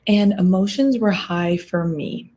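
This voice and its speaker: A woman's voice: mid-range voice, mellow. Earnest young woman giving advice. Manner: earnest, reflective, with pauses and restarts. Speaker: podcast host. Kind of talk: casual advice talk.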